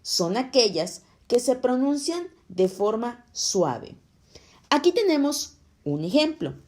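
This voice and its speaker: Female teacher, scripted lesson voice-over for children; slow, warm-toned, very expressive pitch. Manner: slow, clear, explaining to children.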